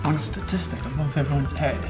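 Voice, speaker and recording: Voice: medium pitch, fast talker. A youth leader chatting casually as co-host, rambling and trailing off mid-thought. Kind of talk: casual chat on a challenge show. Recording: echoey hall with background music.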